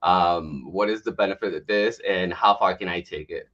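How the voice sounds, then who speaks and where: Guesting on a morning livestream, a health coach from Mexico in his late thirties recounts his life candidly, with frequent laughter and self-deprecating jokes. He speaks low at a moderate pace, his fairly bright tone dulled by cut-off highs.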